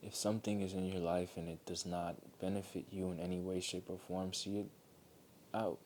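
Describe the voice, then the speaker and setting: A man with a fairly low voice delivers a heartfelt motivational monologue. He speaks earnestly and gently, circling back to repeat key phrases. A faint low rumble runs behind the recording. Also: little pitch movement, moderate pace.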